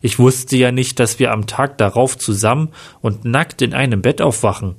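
A man's voice: medium pitch, normal speed, breathy edge. A man reading the lines of a self-assured, affectionate male investigator in a plain read-aloud manner.

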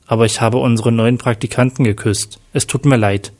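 Man voicing a soft-spoken detective confessing. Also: mid-range voice, steady tone, a little fast, close to an everyday voice. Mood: tender. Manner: soft, intimate. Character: male detective confessing tenderly.

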